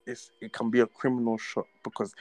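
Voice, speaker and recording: Fairly quick and mid-range, this young London-accented podcast co-host tells stories and trades banter in lively, slangy street talk.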